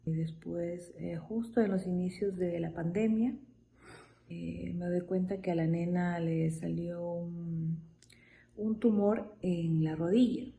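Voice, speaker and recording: A woman in her thirties from Ecuador, giving a quiet, often whispery personal testimony as a mother. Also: fairly low pitch, slight background noise, poor audio. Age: 30s. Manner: slow, soft, often breathy whisper.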